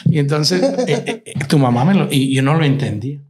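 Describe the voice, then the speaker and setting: A man's voice: a little high, animated, brisk, a little mellow. A middle-aged man telling his grown child a reflective story about his marriage, slipping English words into his talk. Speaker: father and husband, guest. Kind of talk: casual family conversation.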